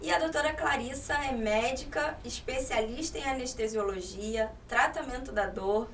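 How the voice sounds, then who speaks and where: A woman's voice: a little high, normal speed, a bit bright. A woman hosting a podcast, introducing and questioning her guest in an upbeat, affirming way. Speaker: podcast host. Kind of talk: casual podcast chat. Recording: distant mic with faint noise.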